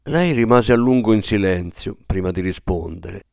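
A man giving calm, measured scripted narration of a literary story as an audiobook narrator. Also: fairly low pitch, creaky, no echo, studio quality.

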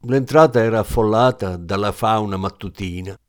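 A man narrating an audiobook in a measured, steady reading voice. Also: fairly low pitch, dry recording, clean studio sound. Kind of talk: scripted narration.

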